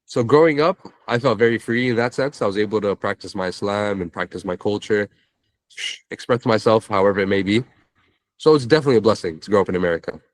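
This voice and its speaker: A social media creator from the San Francisco Bay Area in California answers as an interview guest, casual and reflective, frequently checking that the listener is following. He talks fast in a lowish voice, and the recording is rough.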